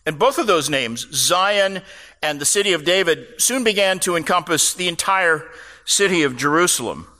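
A man's voice: on the high side, expressive, normal speed, bright, forceful tone. A man preaching a sermon, explaining scripture passages with casual asides to the congregation. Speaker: pastor. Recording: long reverb of a large hall.

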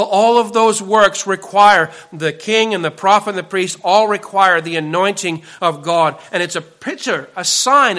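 Male pastor, sermon delivery, high-pitched and bright, earnest, stacks up emphatic lists.

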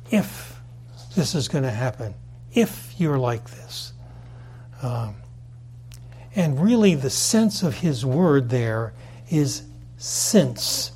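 A man preaching a sermon as pastor, in a deliberate way that stresses key words. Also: on the high side, warm tone, husky.

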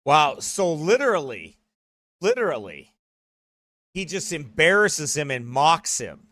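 A man's voice: a little high, measured pace. A man pastor preaching a sermon, mocking what he describes and reading passages aloud. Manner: mocking, animated, reads quotes aloud.

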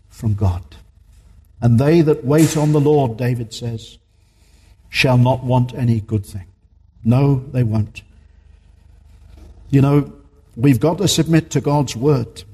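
A man's voice: mid-range voice, warm tone, slightly rough, big-room sound. A man preaching a sermon as a minister in a church, earnest and emphatic, repeating his key points.

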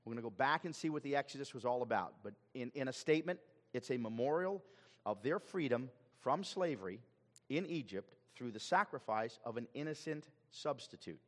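Emphatic pastor preaching in a reverberant hall. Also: male voice, mid-range voice, lively intonation, a little fast. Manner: emphatic, questioning the congregation. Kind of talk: sermon. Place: church sanctuary.

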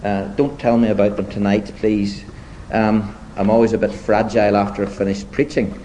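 A man preaching a sermon to his congregation, deliberate and emphatic, slipping into wry, self-deprecating asides. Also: lowish voice, little pitch movement, mellow, a little hiss or hum, low-quality recording.

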